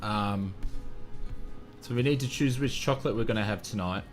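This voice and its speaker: A man's voice: lowish voice, normal speed, soft background music. An Australian man chatting casually on a live flight sim stream, self-mocking and laughing often.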